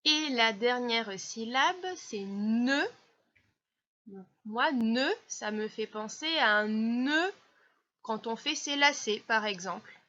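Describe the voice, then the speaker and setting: A woman from France teaches a class in a slow, patient voice, walking through each step. Her voice is bright and a little high. The recording sounds slightly dull and lo-fi. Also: expressive. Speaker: primary school teacher. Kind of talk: classroom explanation.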